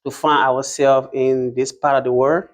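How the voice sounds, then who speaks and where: A man's voice: mid-range voice, flat delivery, moderate pace. A man from Liberia answering interview questions as a truck driving school graduate, hesitant, with many fillers and restarts.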